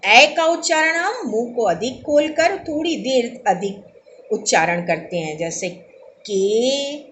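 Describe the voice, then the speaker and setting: A woman teacher giving a recorded lesson to young children, slowly and deliberately saying sounds for them to copy and checking that they understand. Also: a little high, very animated, a bit bright, roomy sound, slight background noise, rough recording.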